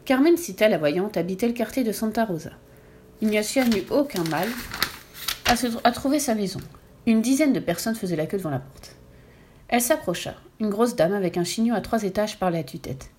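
A woman narrating a children's tale with lively, expressive reading. Her voice is mellow and darker in tone, at a middle pitch. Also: brisk, slight background noise. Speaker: storyteller. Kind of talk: reading a children's story aloud.

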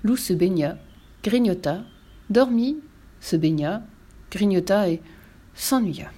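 Lady reading a kids' story, lively, does little sound effects, mid-pitched. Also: takes it slowly, husky. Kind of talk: reading a children's story aloud.

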